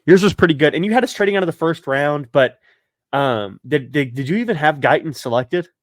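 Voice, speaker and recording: A man hosting a casual sports podcast, joking and excitable, rattling off long lists. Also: on the high side, fairly quick, no echo, clean studio sound. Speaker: podcast host.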